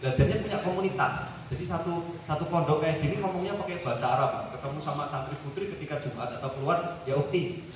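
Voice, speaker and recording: A man's voice: a little high, fast talker, heavy background noise. Joking Javanese-accented man in echoey hall. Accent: Javanese-tinged Indonesian. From Central Java, Indonesia. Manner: joking, animated, drops into playful mock dialogues. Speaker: guest speaker at a seminar. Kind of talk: lively seminar talk. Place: large hall at a boarding school. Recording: echoey hall recorded from far off.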